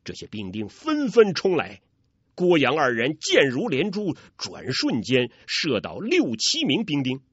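Male storyteller, dramatic and lively, husky edge, dry dull studio sound. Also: on the high side, measured pace, dry recording. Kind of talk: traditional storytelling narration.

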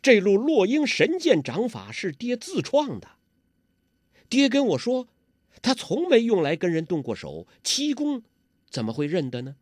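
A man's voice: sits high, huge pitch swings, no room sound, studio quality, voice pushed up, heavily acted. A man putting on a clever young girl. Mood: musing. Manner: coaxing, quick, sweet.

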